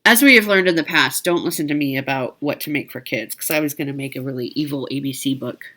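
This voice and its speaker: A woman's voice: extremely low pitch, fast, pushed and bright. A woman casually presenting products as a video host, chatty and informal, often correcting herself and adding asides. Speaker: host of a needlework shopping video. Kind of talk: casual product showcase narration.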